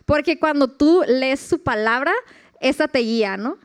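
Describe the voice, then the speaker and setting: Young Mexican woman, high and clear voice, lively casual testimony that slips into quoted voices. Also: unhurried. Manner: animated, acts out quoted voices, laughs often. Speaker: speaker sharing a personal testimony. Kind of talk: casual faith testimony storytelling.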